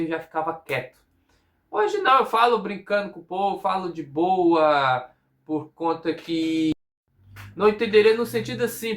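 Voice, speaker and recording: A man's voice: high-pitched, fairly bright tone. A man with a Brazilian accent talking casually to camera, rambling, repeating himself and asking himself questions as he thinks aloud. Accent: Brazilian Portuguese. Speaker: vlogger. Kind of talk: casual personal monologue.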